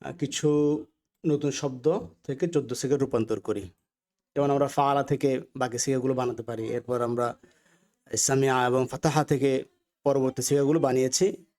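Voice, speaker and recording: A man with a Bangladeshi accent leads a recorded grammar lesson at a measured, patient pace. His voice sits in an ordinary middle pitch. He drills vocabulary by saying each word two or three times over. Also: steady tone, a little mellow. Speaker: Arabic grammar teacher.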